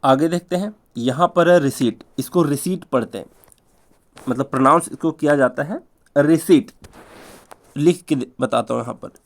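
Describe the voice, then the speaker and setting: A man teaching an English spelling lesson in Hindi, drilling each word over and over in a sing-song way with quick asides. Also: a little high. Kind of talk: spelling lesson for exam prep.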